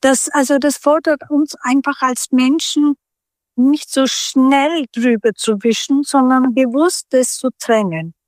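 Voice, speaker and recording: Speaking slowly in a high, slightly mellow voice, a middle-aged woman from Turkey reflects as an interview guest. Turkish is her first language, and she frequently starts over mid-sentence as she looks for the right words. The audio is close-miked and dry, with no echo or room sound.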